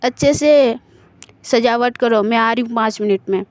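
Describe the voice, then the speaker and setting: A woman reading the part of a chatty young woman in love in an audio story, in a high, dry voice. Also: normal speed, dry recording, lightly acted. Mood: brushing off.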